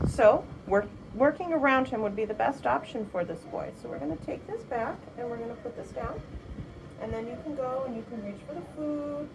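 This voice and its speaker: A woman explaining shelter cat care in a soft, patient instructional voice. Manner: soft and patient, high sing-song baby talk to cats. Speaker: shelter volunteer trainer. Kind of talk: instructional walkthrough. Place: animal shelter cat room. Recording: echoey room, voice from a distance, audible background noise.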